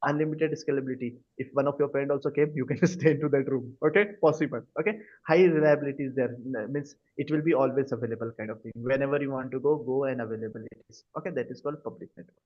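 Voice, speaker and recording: Here an Indian-accented cloud computing instructor delivers a live online lesson in a mid-range, steady voice, moving fast with few pauses. He regularly checks understanding through short questions. The video-call recording sounds dull and lo-fi.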